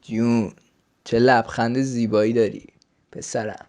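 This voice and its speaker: A man's voice: medium pitch, flat delivery, darkish tone. A man chatting with strangers on a video-chat site, crude and teasing, often swearing and slipping into a coaxing older-brother tone. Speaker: YouTuber chatting with strangers online.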